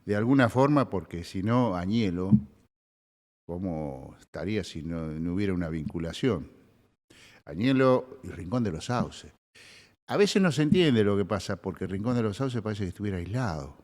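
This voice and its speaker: Older man, very low voice, halting with fillers, long reverb. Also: lively intonation, darkish tone. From Zapala, Neuquén, Argentina. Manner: halting, many fillers and restarts. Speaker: retired provincial oil official, guest. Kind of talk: radio interview answers.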